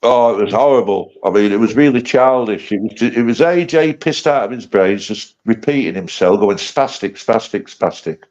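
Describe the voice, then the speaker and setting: A man's voice: on the low side, normal speed, few pauses, a little mellow. A man in his late fifties chatting casually on a livestream, blunt and sweary, rambling through his banter. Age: 50s. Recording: dull lo-fi stream audio.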